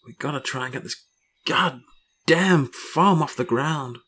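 A man playing a broke farmer husband in an audio story, excitable and rambling, full of grandiose schemes. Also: medium pitch, a little slow, breathy edge. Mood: frustrated, desperate.

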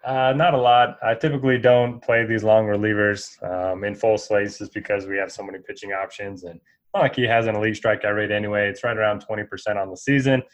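A man co-hosting a casual sports podcast, giving steady, matter-of-fact analysis. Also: on the low side, brisk. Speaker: co-host. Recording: dull lo-fi audio.

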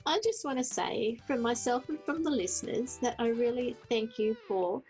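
A woman's voice: on the high side, normal speed, darkish tone, faint music behind. A woman hosting a podcast, affirming and thanking her guest. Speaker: podcast host. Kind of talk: casual interview.

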